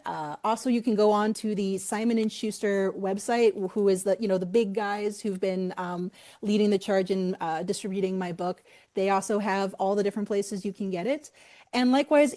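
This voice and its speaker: A woman's voice: medium pitch, dark tone. A woman with a Boston accent, an author talking earnestly and emphatically as a guest in an interview. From Boston area. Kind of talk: casual interview talk.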